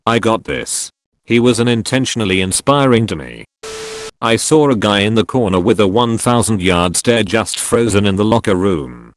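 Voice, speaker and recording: A man narrating gym stories from online posts in a steady, matter-of-fact reading voice. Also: on the low side, normal speed, no echo. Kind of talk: scripted narration.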